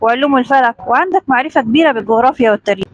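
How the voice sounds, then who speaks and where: A woman's voice: sits high, racing. A woman voicing a curious, commanding male sultan with an Egyptian Arabic accent. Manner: stately, eager questions.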